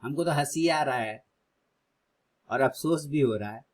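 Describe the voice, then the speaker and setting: Guy in his 30s doing live trading commentary, chats easy with viewers then yells at the charts, mid pitch. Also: a little slow. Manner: excitedly cheers prices on, then chats calmly with viewers. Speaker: live trading stream host.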